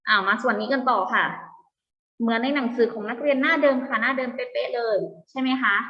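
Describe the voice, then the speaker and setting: Female Thai teacher, higher-pitched, patient and repetitive, mildly muffled recording. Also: fairly bright tone. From Thailand. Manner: patient, asks students frequent check questions; models English pronunciation slowly, repeating words. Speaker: primary school English teacher. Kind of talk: online class lesson.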